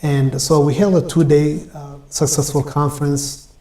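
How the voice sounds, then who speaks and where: A man from Ethiopia, a guest in an interview, answering in a measured way with many pauses and fillers. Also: fairly high pitch, little pitch movement, mellow. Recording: roomy echo.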